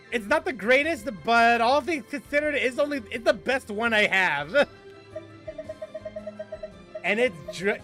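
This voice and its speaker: Streaming a video game, this man rambles casually to his audience, laughs often and keeps starting sentences over. He speaks in a high, bright voice with a forceful edge.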